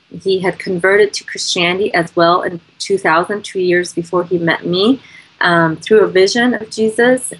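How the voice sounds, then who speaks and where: A woman from Iran who moved to the United States as a child, recounting personal testimony in an interview in an earnest, measured, halting way. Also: mid-range voice, fairly bright tone, rough recording. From born and raised in Iran until age nine, then moved to the United States. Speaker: interviewee telling her husband's story.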